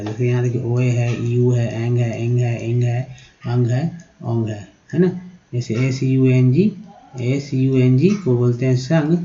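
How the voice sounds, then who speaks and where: Very dark-voiced man teaching phonics. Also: medium pitch. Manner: explains letter by letter, repeating sounds and asking "है ना?". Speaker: English teacher. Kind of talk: Hindi-language phonics lesson. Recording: dull lo-fi recording.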